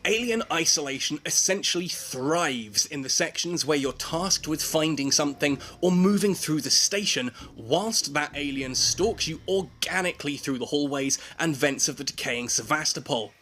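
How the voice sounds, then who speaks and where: A man's voice: fairly high pitch, expressive, moderate pace, hardly any pauses, bright, forceful tone, slight background noise. A man narrating a scripted video game review, with emphatic, dramatic phrasing.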